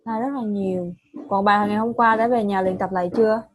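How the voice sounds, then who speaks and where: A woman's voice: mid-range voice, fairly even intonation, fairly quick, a little hiss or hum. A woman with a Vietnamese accent teaching English pronunciation, repeating words and correcting a student patiently. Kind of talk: online pronunciation lesson.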